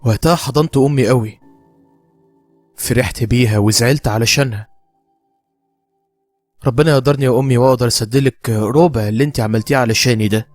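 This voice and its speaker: A man's voice: mid-range voice, fairly quick, long pauses, a little mellow, dry recording, soft background music. Subdued Egyptian male storyteller. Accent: Egyptian Arabic. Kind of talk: first-person horror story narration.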